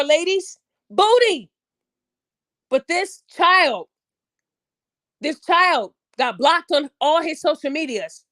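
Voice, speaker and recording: A woman's voice: sits high, dry recording, studio quality. A woman hosting a podcast, ranting bluntly and angrily with heavy profanity and emphatic stresses. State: upset. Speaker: podcast host. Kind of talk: angry opinion rant.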